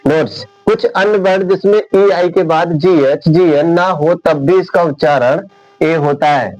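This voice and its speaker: Slow, deliberate male teacher. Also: on the high side, darkish tone, highs cut off. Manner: slow, deliberate, repeating points. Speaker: English teacher. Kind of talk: classroom lecture.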